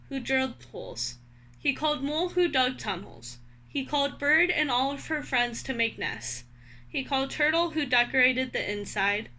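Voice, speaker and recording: A read-aloud host with a high, bright voice reads a children's story, expressive and speaking straight to her young listeners as she guides them through it. There's slight background noise.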